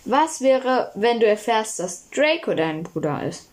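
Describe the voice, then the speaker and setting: A woman's voice: a little high, very animated, measured pace, a little mellow. A young woman in casual chat, hesitant and giggly, a little away from a phone mic. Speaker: co-host asking questions. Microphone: phone, a little far. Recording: phone recording with faint noise.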